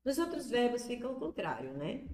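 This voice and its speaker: A woman's voice: fairly high pitch, sing-song, fairly quick, darkish tone, roomy sound, a little hiss or hum. A woman with a Brazilian Portuguese accent teaching an exam prep lesson, explaining step by step and asking and answering her own questions.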